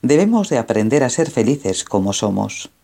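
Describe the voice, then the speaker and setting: A man voicing a calm, kindly male Buddhist monk who speaks in a gentle, soothing way. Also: medium pitch, moderate pace, gravelly.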